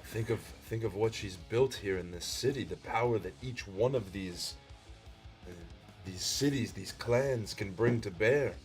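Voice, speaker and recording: Low male tabletop player, faint music. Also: a little slow. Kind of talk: in-game role-play discussion.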